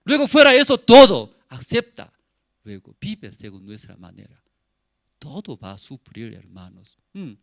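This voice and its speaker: A man's voice: sits high, wildly swooping pitch, measured pace, dry recording. A middle-aged man preaching a sermon as pastor, in simple non-native phrasing, repeating words for emphasis and asking the congregation questions. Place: church service.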